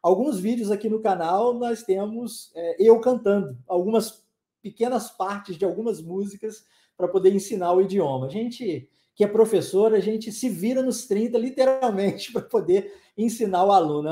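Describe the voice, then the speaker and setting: A high, dark voice with a Southeastern Brazilian accent rings out in a reverberant space. The man, an English teacher, gives an online language lesson and playfully demonstrates pronunciation through sound effects.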